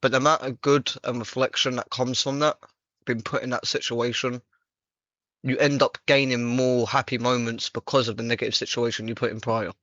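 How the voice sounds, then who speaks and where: A man's voice: medium pitch, little pitch movement, brisk, fairly bright tone, dry recording. A young man hosting a casual chat, talking earnestly and reflectively with casual slang. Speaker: podcast host. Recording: dull, dry lo-fi mic.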